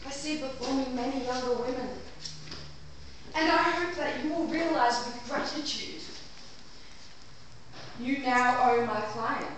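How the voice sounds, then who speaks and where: In an amateur stage play, a high-voiced woman plays a pompous, melodramatic defense lawyer and delivers a courtroom monologue to the jury. Her speech is grandiose and deliberate, with dramatic pauses, and the mood is both ominous and rousing. A distant camera mic caught it before a live audience on a small theatre stage, so the sound is echoey with faint noise.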